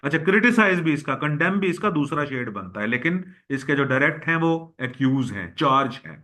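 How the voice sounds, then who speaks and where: Guy teaching vocab, bright forceful voice, says every word over and over. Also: on the high side, expressive, fairly quick. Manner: drills words by repeating them; addresses students as boys and girls. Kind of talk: recorded lecture.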